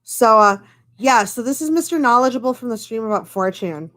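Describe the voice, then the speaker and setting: A woman's voice: fairly high pitch, expressive, brisk, fairly bright tone, no echo, clean studio sound. A woman hosting a casual live-stream chat, rambling along with lots of fillers. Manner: chatty and rambling, with many fillers. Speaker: stream host.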